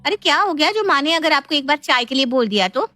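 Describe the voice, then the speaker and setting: A woman voicing a sharp-tongued, pushy young woman in an animated family story, bossy and whiny. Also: high voice, fast talker, no room sound, faint music behind, voice pushed up. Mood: taunting.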